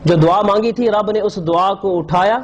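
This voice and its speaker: A man's voice: sits high, low-quality recording. A man preaching a sermon in Urdu, telling a story with emotion and repeated sighing exclamations.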